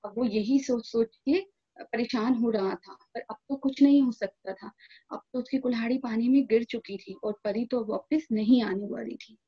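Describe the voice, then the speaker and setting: A woman telling a story to school children in a lively storytelling manner. Her voice is high, breathy and mellow. The audio sounds dull and lo-fi. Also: normal speed.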